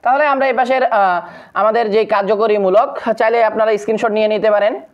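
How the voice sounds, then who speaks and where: A teacher giving a chemistry lesson to secondary students. The teacher recites long lists of compound names in a steady drill, pauses often on fillers, and addresses viewers as friends. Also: medium pitch. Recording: dull lo-fi recording.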